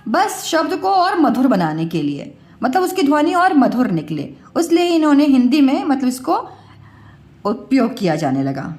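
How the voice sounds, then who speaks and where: A woman's voice: sits high, very animated, darkish tone. A woman teaching Hindi spelling, patiently explaining and repeating words as she questions her pupils. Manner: slow, repeats words and asks the class questions. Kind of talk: patient classroom explanation to children. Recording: echoey room.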